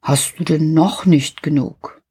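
A woman's voice: steady tone, breathy edge, full character voice. Woman doing the kind old moon. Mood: gentle. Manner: slow, gentle, lowered voice.

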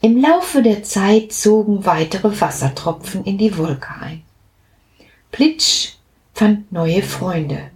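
A woman reading a children's story aloud, expressive and unhurried. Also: medium pitch.

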